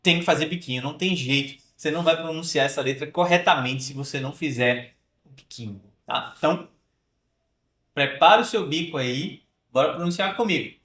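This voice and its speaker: A man's voice: a little high, a bit bright, echoey room. A man teaching French pronunciation, drilling sounds and checking in with "né?" and "tá?". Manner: explanatory, drills sounds slowly, frequent "né?" and "tá?" check-ins. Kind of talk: online pronunciation lesson.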